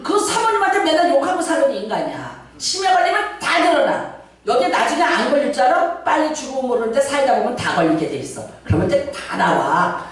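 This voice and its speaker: A woman's voice: high voice, sing-song, brisk. Fiery woman pastor in an echoing hall. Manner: fervent, dramatic, shifts between shouting and hushed asides. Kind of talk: Pentecostal sermon. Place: large church sanctuary. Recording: very echoey church hall, from far off.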